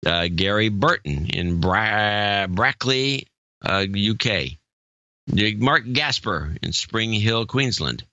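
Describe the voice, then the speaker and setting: The highs are cut off and there's no room sound as this man, lowish and animated with a sharp tone, co-hosts a casual podcast. He haltingly reads a long donor-name list, stumbling over pronunciations and joking in between.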